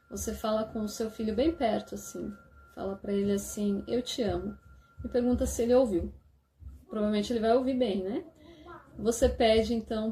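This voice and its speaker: A woman talks parents through simple lessons for their children at an easy, explanatory pace. Her voice is mellow and somewhat dark, and she often tags her phrases with a soft "né?". A faint noise sits under the recording. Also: on the high side. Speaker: church lesson presenter for parents. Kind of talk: casual instructional talk.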